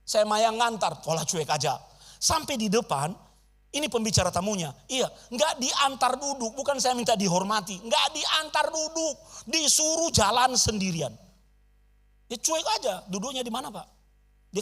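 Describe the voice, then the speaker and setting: Male pastor, middle-aged; high, animated storytelling sermon. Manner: animated, acts out dialogue with big swings in loudness.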